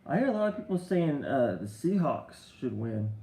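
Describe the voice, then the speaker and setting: A man's voice: a little high, very animated, normal speed, gravelly, dark tone, echoey room, rough recording. A middle-aged man on a live stream, telling long rambling stories with many restarts and answering viewer comments. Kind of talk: casual live-stream chat.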